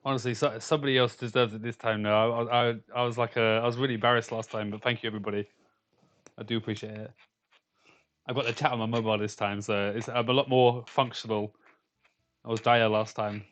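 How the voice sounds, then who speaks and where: A man's voice: mid-range voice, flat delivery, quick pace, fairly bright tone. An English man from London in his thirties, a game developer chatting casually with viewers on a live stream, rambling with stammered restarts and frequent laughs. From London, England.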